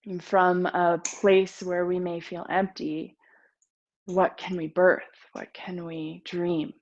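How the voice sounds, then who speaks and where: Slow, soft-spoken woman yoga teacher. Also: on the low side, muffled recording. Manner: gentle, soothing, with pauses. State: a little nervous. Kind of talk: guided meditation talk.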